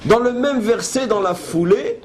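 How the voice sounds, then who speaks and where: With a high-pitched, expressive voice and a measured pace, a male rabbi teaches a Torah class through a religious lecture and scriptural commentary. He is emphatic and didactic, asking rhetorical questions and mixing French with quoted Hebrew verses. It's a noisy live lecture recording.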